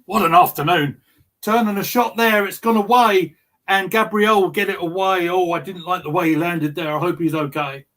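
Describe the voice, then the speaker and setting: A man's voice: sits high, normal speed, a bit bright. A man co-hosting a live football watchalong, chatting through the match and often repeating words as he reacts. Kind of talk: live match commentary chat.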